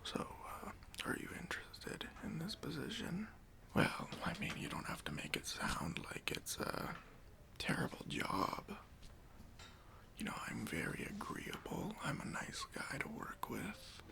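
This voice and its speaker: The performer voices a smug, condescending boss in an ASMR job interview roleplay, whispering breathily and gravelly with awkward hesitations. It's a full character voice, mid-range in pitch, pushed and bright.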